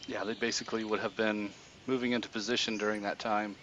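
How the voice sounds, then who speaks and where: Lowish-voiced male game master over noisy ambience. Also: level tone, fast talker, fairly bright tone, lo-fi sound. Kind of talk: casual tabletop game narration. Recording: nature ambience noise behind voice.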